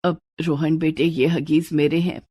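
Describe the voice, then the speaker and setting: A woman's voice: sits low, level tone, unhurried, warm tone, breathy edge, no echo, pitched below the performer's own voice. A woman voicing a fretful older mother-in-law who stammers nervously in a cartoon story. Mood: sheepish.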